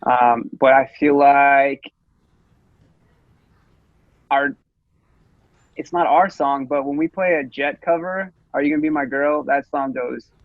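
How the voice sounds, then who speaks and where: A man's voice: mid-range voice, fairly even intonation, slow, pauses often, no room sound, narrow, tinny audio. A man in his late twenties, a guest musician chatting casually on a podcast, rambling with lots of fillers and swearing freely. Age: 20s.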